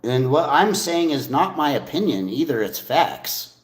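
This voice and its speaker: A man's voice: mid-range voice, big pitch swings, measured pace. Man rambling in an echoing, tunnel-like room. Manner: informal, swearing, rambling argumentative talk. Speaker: streamer. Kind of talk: casual livestream debate with chat. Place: echoey indoor space.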